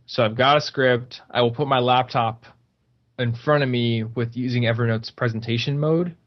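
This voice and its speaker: A man's voice: medium pitch, steady tone, normal speed. A man talks as a guest in a casual podcast interview. He explains things step by step and fills his talk with "like". The recording sounds somewhat dull and lo-fi. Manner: chatty, explains step by step with many "like" fillers. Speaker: guest, YouTuber.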